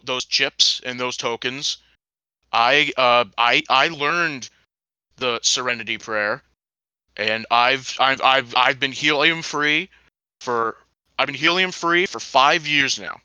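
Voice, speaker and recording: A man's voice: mid-range voice, takes it slowly, bright, forceful tone, clear, resonant tone, dry recording, low-quality recording. A man co-hosting a satirical comedy podcast, rambling and stammering with repeated words. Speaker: podcast co-host.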